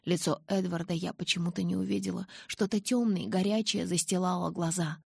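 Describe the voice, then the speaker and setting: A woman reading a novel aloud in a dramatic, intense way, with a husky voice. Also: lowish voice, steady tone, fairly quick, mellow, dry recording, clean studio sound. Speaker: audiobook reader. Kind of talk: scripted narration.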